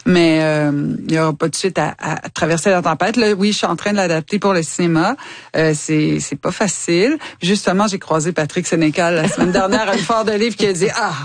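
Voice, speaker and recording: Animated Quebec French woman in her fifties. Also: on the low side, fairly quick, no room sound. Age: 50s. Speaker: actress and novelist guest. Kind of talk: casual chat.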